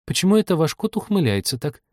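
A man's voice: a little high, big pitch swings, quick pace, darkish tone, no echo, clean studio sound, pitched above the performer's own voice. A man doing a timid, polite little girl. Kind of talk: audiobook reading.

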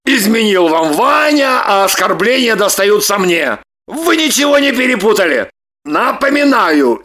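A hot-tempered man, as a woman reader puts him on, bellowing his lines in a slow, heavy, drawn-out way. The voice is bright and sharp-edged, with pitch that swings widely. It is an audiobook character voice. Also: heavily acted. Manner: shouting, drawn-out emphatic delivery.

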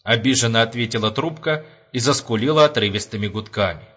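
A man narrating an audiobook in an expressive storytelling manner. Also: mid-range voice, a little fast, husky. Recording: lo-fi home recording.

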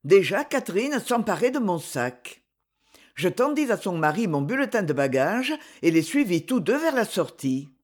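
A woman reading a first-person novel aloud as an audiobook, in an expressive storytelling manner. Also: medium pitch, normal speed. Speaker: audiobook reader.

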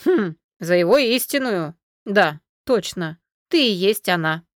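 A woman voicing a young male dragon, the heroine's cousin, who speaks calmly and matter-of-factly in an audiobook. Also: medium pitch, unhurried, no room sound, lightly acted. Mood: teasing. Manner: calm, dry, matter-of-fact.

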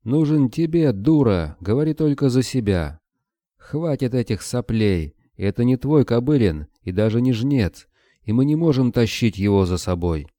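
A man's voice: medium pitch, expressive, normal speed, mellow, no room sound, voice pushed up, lightly acted. A man voicing a hot-tempered bearded man who barks harsh orders. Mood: shouting.

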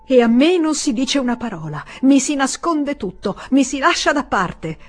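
A woman's voice: on the low side, moderate pace, faint music behind, close to an everyday voice. A woman voicing a proud, resentful middle-aged senator with a raised, reproachful voice. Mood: indignant.

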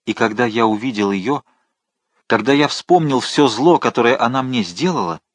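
A man's voice: mid-range voice, lively intonation, normal speed, no echo, natural voice. A man voicing a dying, remorseful executioner who moans and begs for absolution. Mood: pleading. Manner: pleading, moaning.

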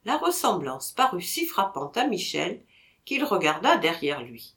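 Woman audiobook narrator, slow measured pace, animated pitch, acts out the characters. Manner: lively expressive reading, voicing each character. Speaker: audiobook reader. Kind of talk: scripted narration of a classic novel.

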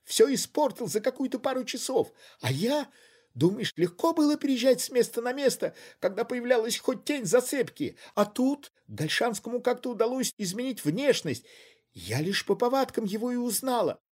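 A man voicing a hysterical, scheming middle-aged woman who shouts her accusations in a high, shrill voice. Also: lively intonation, fairly quick, husky. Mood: accusing.

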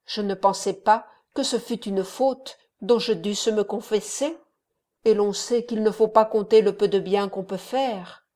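A woman's voice: medium pitch, unhurried, warm tone, close to an everyday voice. A woman voicing a young devout village bride who speaks in an earnest, pleading way.

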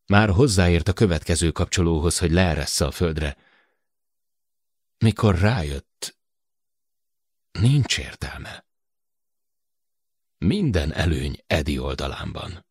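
A man narrating a science fiction audiobook, expressive and measured. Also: deep voice, slightly rough, no echo, studio quality. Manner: expressive storytelling.

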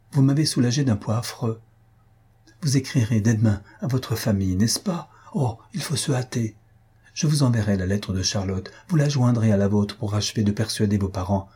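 A man voicing a young countess, sorrowful and fervent, in a raised, gentle voice. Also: medium pitch, slightly rough. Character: grieving, warm-hearted young countess.

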